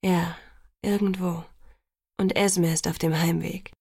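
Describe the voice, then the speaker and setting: Woman murmuring as a gentle young vampire man. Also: flat delivery, takes it slowly, vocal fry, slightly rough, no echo, clean studio sound, heavily acted. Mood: tender. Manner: soft, low, murmuring.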